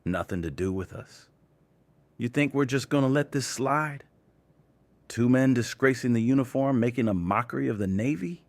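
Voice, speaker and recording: A man reading the part of a cruel, sneering male sailor who menaces two shipmates, in a low, venomous voice. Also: animated, normal speed, breathy edge, dry recording. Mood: menacing.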